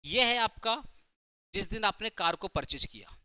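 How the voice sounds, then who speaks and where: A man's voice: high-pitched, animated, a little slow, pushed and bright, clear, resonant tone, no echo. A man teaching accountancy in a recorded lecture, speaking with terms, repeating points and asking his class questions.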